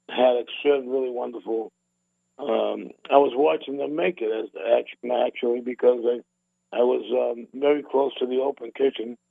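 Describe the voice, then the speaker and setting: A man's voice: medium pitch, creaky, no echo. A man from the Boston area hosting a radio show, chatting casually in a rambling way with repeated words and restarts. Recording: narrow phone-like radio sound, dry.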